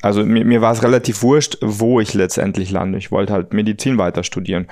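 Low-voiced man in his thirties. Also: brisk, no room sound, clean studio sound. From United States. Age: 30s. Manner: relaxed, easygoing, thinks aloud with fillers. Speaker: podcast co-host, trauma surgeon. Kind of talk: casual podcast conversation.

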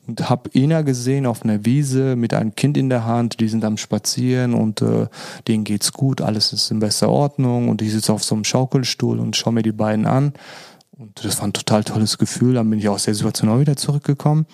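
A man's voice: medium pitch, steady tone, brisk, gravelly, darkish tone, no room sound, clean studio sound. A man tells a personal story as a podcast guest, informal, with many fillers and acted-out quoted dialogue.

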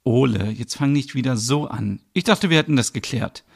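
A man voicing a brisk, practical young mother in a one-man audio soap, giving instructions. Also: medium pitch, gravelly, breathy edge. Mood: firm.

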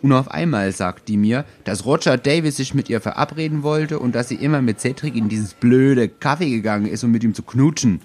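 A man's voice: medium pitch, brisk, few pauses, a little mellow, pitched above the performer's own voice, lightly acted. A man reading as an indignant teenage boy. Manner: indignant, stammering.

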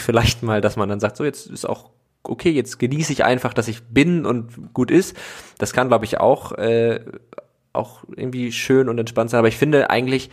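A man hosting a podcast, chatting casually and thinking aloud as he talks. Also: fairly low pitch. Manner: relaxed, thinking aloud with fillers and restarts. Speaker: podcast host. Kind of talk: casual conversational interview.

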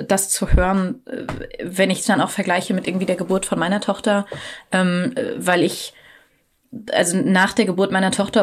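A woman hosting a casual conversation, reflective and hesitant, with many restarts as she thinks aloud. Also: on the low side.

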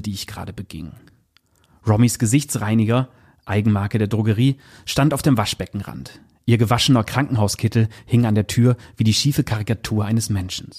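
Male book reviewer: dark, husky delivery, calm and measured, faint music underneath. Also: mid-range voice. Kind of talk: book review with read-aloud excerpt.

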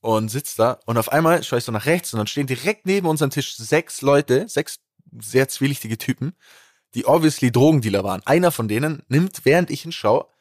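A man on a podcast telling an animated anecdote in casual chat, with many fillers and restarts. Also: medium pitch, brisk, no room sound, studio quality. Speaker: podcast co-host.

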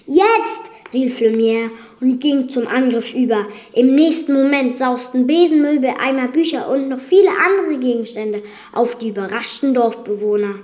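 A woman reading a fairy tale aloud in a calm, measured way as podcast host. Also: sits high. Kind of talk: slow fairy-tale narration.

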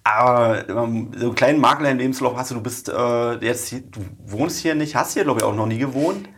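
A man from Berlin hosting a relaxed, joking interview in a small office. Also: medium pitch, a little fast, a little hiss or hum. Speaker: podcast host. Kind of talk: casual interview chat.

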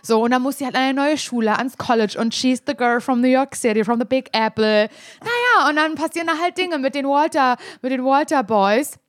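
A young woman talks in a rambling, self-mocking way, stumbling through restarts as she tells a story. Her voice sits a little high. The recording is dry and close, with no room sound. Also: lively intonation, brisk, hardly any pauses, no room sound. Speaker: podcast co-host. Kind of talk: casual chat.

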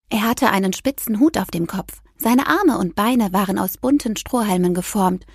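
A woman's voice: mid-range voice, creaky, slightly rough, dry recording, clean studio sound. Woman narrating a children's story. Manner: gentle, lively storytelling.

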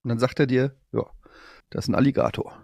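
A man of middling pitch chats casually on a podcast, teasing the others and rambling through his anecdotes. The recording is dry, with no room around him. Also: flat delivery, quick pace, vocal fry, darkish tone, no room sound. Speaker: podcast co-host. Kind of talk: casual chat.

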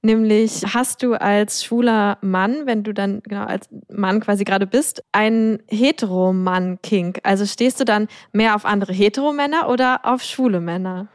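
A woman's voice: mid-range voice, steady tone, normal speed, few pauses, no room sound, studio quality. A woman co-host putting questions in a casual, conversational way.

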